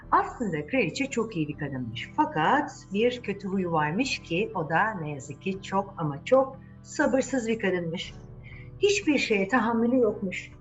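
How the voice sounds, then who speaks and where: A woman with a medium-pitched voice, recorded in lo-fi sound, tells a fairy tale to children. She's a children's storyteller and channel host who speaks to the kids directly and repeats words for emphasis.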